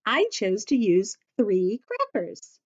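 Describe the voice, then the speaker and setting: Speaking to young children during a story-time lesson, this teacher keeps her phrasing simple and deliberate and goes over key points again. She has a medium pitch and a sing-song manner, and the audio is dull.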